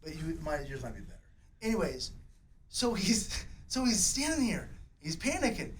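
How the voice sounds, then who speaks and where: A man with a notably high voice tells a story with animated energy, laughing along as he goes. He speaks like a coach chatting casually on a podcast, with a faint hiss of noise in the background. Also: moderate pace, rough recording. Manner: animated, lively storyteller who laughs at his own tale.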